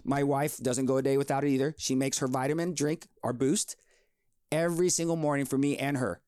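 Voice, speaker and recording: A man's voice: mid-range voice, fairly even intonation, brisk, a little mellow, clear, resonant tone, dry recording, studio quality. A man in his forties hosting a solo health podcast, talking in an upbeat, emphatic, motivational way. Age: 40s. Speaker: podcast host.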